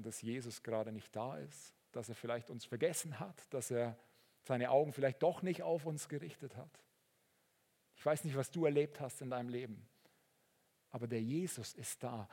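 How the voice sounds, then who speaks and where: A man preaching a sermon, earnest and sometimes rising into excited storytelling. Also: fairly high pitch. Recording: long reverb of a large hall.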